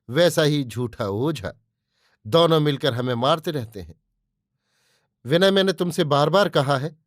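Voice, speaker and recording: A man's voice: a little high, no room sound, clean studio sound, close to an everyday voice. A man voicing a fiery young male nationalist who lectures his friend emphatically in a storybook reading. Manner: emphatic, preaching.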